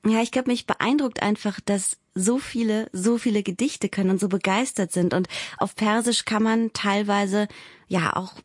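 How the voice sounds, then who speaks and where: A woman's voice: medium pitch, fairly even intonation, normal speed, no room sound. Woman journalist explaining stuff on a podcast, thoughtful, dry close mic. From Germany. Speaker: journalist and expert guest. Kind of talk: conversational explanation.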